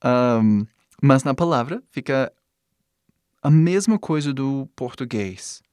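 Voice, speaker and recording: Male English teacher, native English speaker, patient and encouraging, demonstrates sounds; dry close mic, mid-pitched. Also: animated, darkish tone, smooth, no room sound. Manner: patient, reassuring, repeats sounds slowly to demonstrate. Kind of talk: language lesson.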